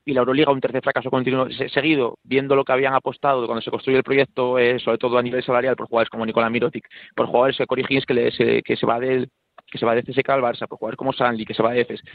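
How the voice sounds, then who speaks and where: Fast-talking man on a tinny phone line. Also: medium pitch, little pitch movement, gravelly, no room sound. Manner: rapid, emphatic, repeats phrases while building points. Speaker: sports pundit. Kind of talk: radio sports debate.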